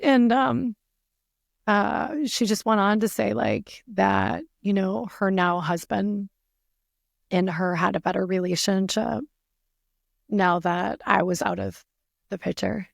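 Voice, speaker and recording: A woman's voice: mid-range voice, steady tone, takes it slowly, vocal fry, no room sound, studio quality. A woman telling a personal story as a podcast guest, earnest and full of "you know" fillers.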